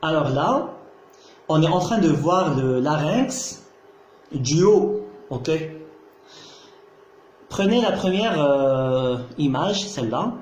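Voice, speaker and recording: A man's voice: a little high, lively intonation, slow pace, long pauses, darkish tone, a little hiss or hum. A man giving a patient lecture, repeating key terms and checking that students follow. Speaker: teacher. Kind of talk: slow explanatory lecture. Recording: echoey room.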